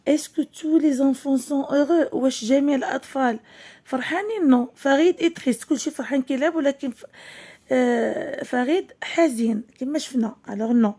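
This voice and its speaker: Warm-voiced Moroccan woman teaching a class. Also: sits high. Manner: reads slowly and clearly, then explains quickly. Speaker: primary school French teacher. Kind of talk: classroom reading lesson.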